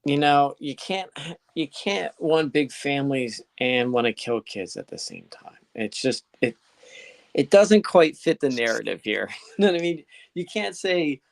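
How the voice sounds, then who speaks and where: A man's voice: mid-range voice, sing-song, unhurried, gravelly, no echo. A man co-hosting a casual reaction stream, thoughtful and trailing off with fillers. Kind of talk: casual chat.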